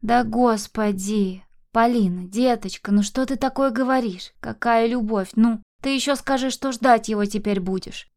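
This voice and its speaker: A woman's voice: on the high side, normal speed, hardly any pauses, darkish tone, voice pushed up, lightly acted. A woman voicing an anxious old grandmother who scolds and laments over her granddaughter. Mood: distraught. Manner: agitated, lamenting, exclamatory.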